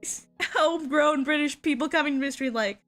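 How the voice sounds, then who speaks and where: A woman's voice: high voice, a little fast, fairly bright tone, faint music behind. A young woman chatting casually on her stream, giggling and laughing often between sentences. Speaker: VTuber streamer.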